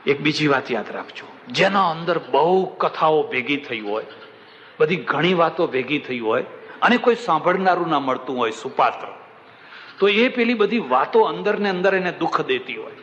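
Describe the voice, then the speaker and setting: A man's voice: fairly high pitch, animated, normal speed, a bit bright. A man giving a devotional sermon with storytelling, emphatic and repeating phrases for effect, in a large hall. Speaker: religious discourse speaker. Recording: reverberant dull hall recording, faint hiss.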